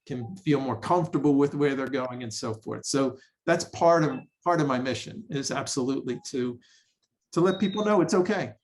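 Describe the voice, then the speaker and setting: A man's voice: mid-range voice, moderate pace, a little mellow. A man hosting a podcast conversation, speaking in an affirming, enthusiastic way. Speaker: podcast host.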